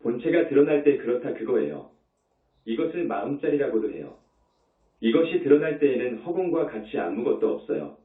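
A man's voice: mid-range voice, sing-song, fairly quick. A man who is a Buddhist monk, giving a dharma talk in an emphatic way, repeating his points and asking rhetorical questions. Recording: tinny, echoey, distant.

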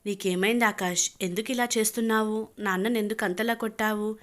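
A woman voicing a desperate young bride who pleads loudly and tearfully. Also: mid-range voice, fairly even intonation, fairly quick, close to an everyday voice. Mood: pleading.

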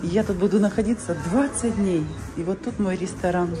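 An older woman vlogging on a handheld camera as she walks through a large indoor ship atrium and shopping halls, exclaiming excitedly at everything she sees. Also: mid-range voice, normal speed. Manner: excited, gushing, exclaims often. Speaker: vlogger touring a cruise ship. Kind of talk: casual walking vlog narration. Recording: busy public space with music and crowd. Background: music and crowd chatter.

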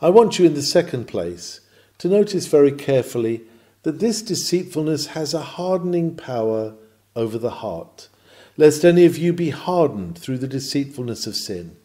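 Reading a historical sermon from a script, this man uses a warm, rather high voice at a moderate pace, animated throughout. His manner stays solemn, emphatic and rhetorical, like a practiced orator.

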